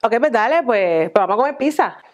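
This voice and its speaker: A woman's voice: fairly high pitch, lively intonation, fairly quick, lightly acted. Woman doing a meek, placating boyfriend. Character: patient, baffled young boyfriend, soft-spoken.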